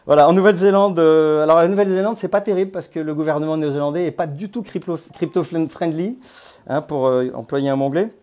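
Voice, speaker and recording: Halting man giving an informal talk. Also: on the high side, darkish tone. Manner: conversational and halting, with many hesitations and restarts. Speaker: crypto platform founder giving a talk. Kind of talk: informal presentation to a meetup group. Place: based in Nouméa.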